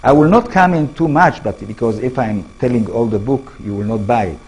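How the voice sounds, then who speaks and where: A native Hebrew speaker with an Israeli accent delivers a public lecture as an author, animated and peppering the audience with rhetorical questions. His voice is medium-pitched and husky, and he speaks a little fast.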